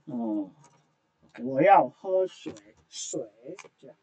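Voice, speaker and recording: Slow-talking man teaching a language class. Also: mid-range voice, animated, a little mellow. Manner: explains tones patiently, repeats words slowly. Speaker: Mandarin teacher.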